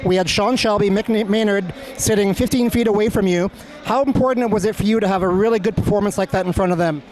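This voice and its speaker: High-pitched male fight interviewer. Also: fast, darkish tone, low-quality recording. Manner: friendly, explanatory, complimentary. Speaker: sports interviewer. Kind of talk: conversational post-fight interview. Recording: faint urban ambient noise behind.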